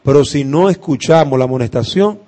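In this sermon, a preacher speaks with fervor, his medium-pitched voice rising to loud proclamations and falling to near whispers. Emphatic pauses mark the shifts.

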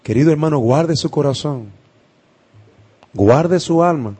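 Male preacher, passionate sermon, slightly high voice, loud then hushed. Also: expressive, husky. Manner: impassioned, swinging from loud to hushed, with emphatic pauses.

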